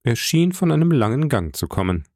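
A man reading an audiobook aloud in a steady, even narration, recorded close up in a coworking space. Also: medium pitch, a little fast, no echo. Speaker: audiobook reader. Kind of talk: scripted narration.

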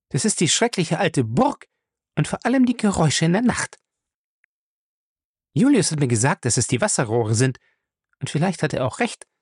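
A man reading aloud and voicing a frightened but sharp-tongued young wife in a raised, agitated voice. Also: a little high, slightly rough, dry recording, clean studio sound, voice pushed up.

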